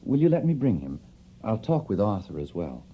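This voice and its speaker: A restrained, caring Victorian doctor speaks in a low, very dark voice with lively intonation. The audio drama delivery is measured and professional, on a muffled recording. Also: male voice, slightly rough. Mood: solicitous. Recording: muffled recording with faint noise.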